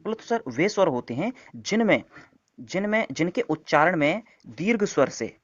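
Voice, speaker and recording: A man's voice: a little high, no room sound. A man giving an online exam-prep lesson, explaining step by step and answering his own questions. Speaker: teacher. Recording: dull, dry lo-fi sound.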